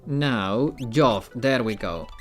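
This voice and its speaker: A man's voice: mid-range voice, expressive, slow, faint music behind. A man streaming video games, chatting casually and thinking aloud, often repeating his phrases. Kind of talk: casual live-stream chat.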